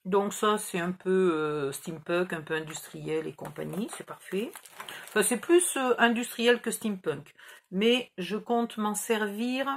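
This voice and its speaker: Medium in pitch, husky and a little slow, this scrapbooking YouTuber's voice carries her through a casual haul chat. The middle-aged woman rambles and teases herself as she loses her train of thought.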